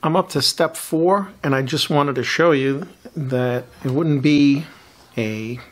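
A man in his fifties hosting a casual model kit build review from a home hobby room, talking in a relaxed, chatty way with many fillers. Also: on the high side, slow pace. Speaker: scale model builder, channel host.

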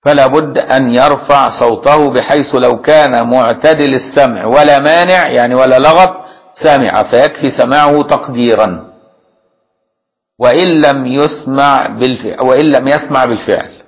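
An Egyptian man teaching a religious lesson in a mid-pitched voice. He moves between reading a classical legal text and plain colloquial explanation. He often stops to ask his listeners if they have followed. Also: normal speed, poor audio. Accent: Egyptian Arabic. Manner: reads a classical text, then glosses it in colloquial speech. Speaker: Islamic jurisprudence teacher.

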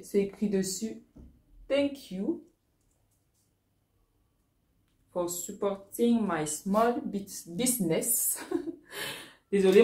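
A young woman talks excitedly, with fillers and repeated words. The echoey room lends her voice a hollow ring. Loud crinkling and rustling sit behind her. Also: medium pitch, slight background noise. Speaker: small-business vlogger. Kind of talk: casual vlog chat. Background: crinkling packaging and clicks.

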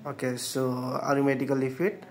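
A man interviewing a job applicant, asking brisk questions, repeating answers back and saying okay often. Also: mid-range voice, fairly even intonation, slight background noise.

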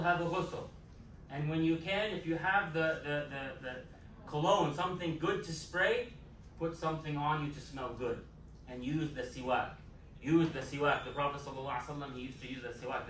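A male imam delivers a Friday sermon in an emphatic style, hammering home his points by repeating them. His voice sits a bit high for a man. It rings through a large echoing prayer hall, picked up from a distance with faint ambient noise. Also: a bit bright. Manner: emphatic, repeats key phrases. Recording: echoey hall, mic far off.

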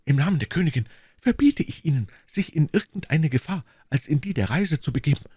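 A man's voice: on the high side, lively intonation, brisk, dark tone, slightly rough, no room sound, clean studio sound, pitched above the performer's own voice. A man voicing a tender, frightened young woman in an audiobook, pleading in a raised voice. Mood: anxious. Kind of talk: audiobook reading, acted dialogue.

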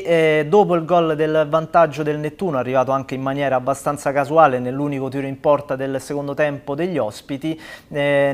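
A man in his thirties hosting a studio football report, speaking in halting phrases. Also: fairly high pitch. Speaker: sports show host. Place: small indoor TV studio. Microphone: lapel mic.

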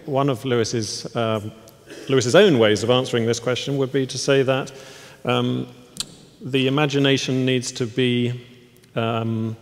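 A middle-aged man with an ordinary mid-pitched voice moderates a panel, courteous and a little halting, repeating words as he goes. A headset mic catches him, with a long reverb from the big church hall. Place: large church hall with audience.

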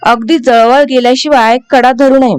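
A young man coaches a scared boy with patient, coaxing instructions, as a woman narrator plays him. The voice sits high and light. Faint music runs underneath. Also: steady tone, moderate pace, a little mellow, clean tone, lightly acted. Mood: encouraging. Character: encouraging young man teaching a boy to swim.

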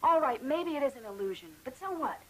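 A woman's voice: high-pitched, lively intonation, a little fast, crowd noise, poor audio. An actress in her thirties playing a bitter, witty woman on a psychiatric ward in a 1970s TV movie, sardonic and emotional. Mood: heated. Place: hospital ward room.

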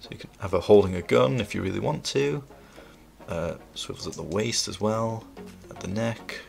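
In this casual toy review, a man with a cold sits at a table indoors, hands on camera, chatting eagerly about the toys. His congested voice is on the low side and creaky, moving at a normal speed.

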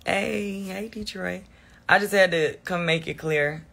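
A woman's voice: fairly low pitch, unhurried, vocal fry, fairly bright tone. A woman venting on a phone livestream, defensive and sarcastic, answering her chat.

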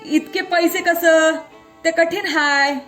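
Woman doing a defiant foul-mouthed man, fierce temper, loud slow shouting, high-pitched storybook voice. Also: soft background music. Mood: angry, shouting.

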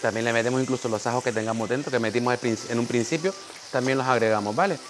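A man gives a cooking demonstration as a chef in a small kitchen class, coaching his assistant step by step in a practical manner. His voice is medium in pitch and quick, with background noise present.

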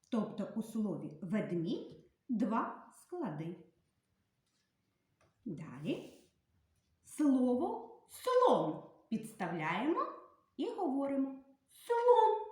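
A woman teaching a slow literacy lesson to small children, speaking in a sing-song way and stressing each word strongly. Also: high-pitched, darkish tone. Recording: echoey room.

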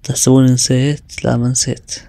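A young man, chatting his way through a video game and talking himself through each move with quick exclamations. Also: medium pitch, monotone, gravelly, dark tone. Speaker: gaming video creator. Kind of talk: casual gameplay commentary.

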